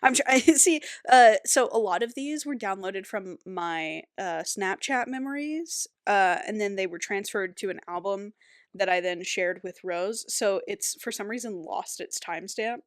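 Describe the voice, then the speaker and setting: A woman's voice: medium pitch, animated, moderate pace, no echo, studio quality. A woman in her twenties co-hosting a podcast, rambling casually with lots of ums and uhs and apologizing for tangents. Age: 20s. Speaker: podcast co-host.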